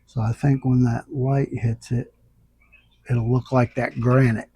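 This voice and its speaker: A man with a gravelly, very dark voice talks to himself while he airbrushes in a home workshop. He mutters and thinks aloud, fighting off the hiccups, and his husky tone sits close and dry on a tablet camera. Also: mid-range voice, flat delivery, unhurried, dry recording. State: has the hiccups. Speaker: airbrush artist. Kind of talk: casual talk while working. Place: home workshop under overhead lights.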